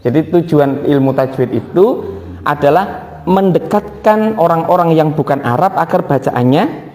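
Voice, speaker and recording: A man from Indonesia teaching a Quran recitation lesson. He moves between slow, melodic recitation and brisk, corrective explanation. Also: fairly high pitch, lively intonation, darkish tone. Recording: hall reverb, faint room noise.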